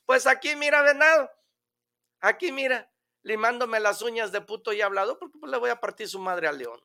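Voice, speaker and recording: A man's voice: extremely high pitch, moderate pace, creaky, sharp tone, voice pushed up, exaggerated voice. A man voicing a boastful skinny little male monkey in a spoken fable, with a brash, swaggering way of talking.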